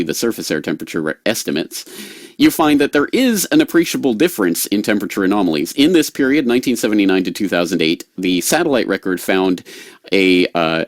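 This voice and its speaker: Super deep voice guy explaining stuff, lots of ums, dry close sound. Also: no echo. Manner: halting, full of fillers and restarts. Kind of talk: explanatory talk.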